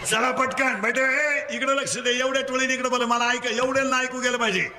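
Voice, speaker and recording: A man with a Marathi accent preaching a comic kirtan sermon, teasing the audience and making them shout answers back. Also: extremely high pitch, little pitch movement, background noise. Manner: rapid call-and-response, drilling the crowd to answer; teasing, scolding schoolboys.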